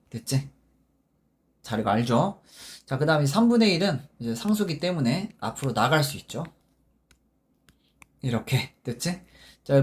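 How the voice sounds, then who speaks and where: A man teaching a math lesson in a casual, informal way, working problems step by step and often stopping to ask if the students follow. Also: on the high side. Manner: informal, constantly checking understanding with short tag questions; talks while working problems step by step, with self-corrections.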